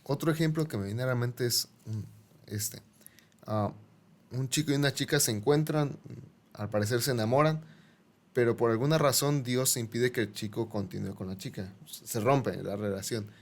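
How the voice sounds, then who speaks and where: Un hombre en un pódcast que comenta con calma y reflexiona con ejemplos. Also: male voice, mid-range voice, normal speed. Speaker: podcast co-host. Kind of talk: casual reflective chat.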